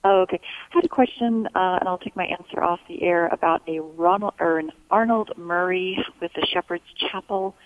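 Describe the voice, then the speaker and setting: A woman calling in to a radio show over a phone line, asking her question hesitantly with pauses and fillers. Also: fairly low pitch, dry recording. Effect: phone-line call into a radio show. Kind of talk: casual call-in question.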